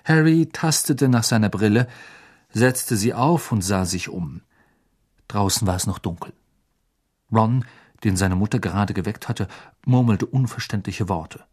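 Ein Mann, der ein Hörbuch ausdrucksvoll und lebendig vorliest. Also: male voice, fairly low pitch, darkish tone, breathy edge. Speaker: narrator. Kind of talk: audiobook reading.

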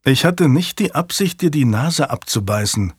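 A man's voice: medium pitch, lively intonation, moderate pace, husky, no echo. A man voicing an earnest, slightly unsure young male lord, hesitant and friendly, read dry and close.

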